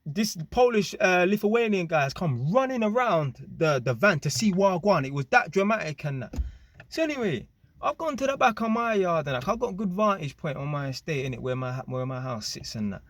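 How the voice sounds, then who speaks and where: A man casually telling a story to camera, animated and full of street slang and tag questions. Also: sits high, fairly quick. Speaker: vlogger.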